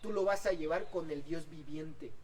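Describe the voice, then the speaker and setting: A man preaching a sermon as pastor, swinging between loud exhortation and soft asides. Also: on the high side, moderate pace. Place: outdoor church service. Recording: distant mic with faint background noise.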